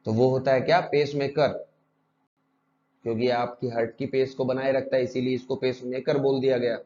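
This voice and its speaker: A man's voice: medium pitch, little pitch movement, moderate pace, mellow, highs cut off, slight background noise. Man teaching with drilling repetition. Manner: repetitive drilling with rhetorical questions. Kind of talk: exam-prep lecture.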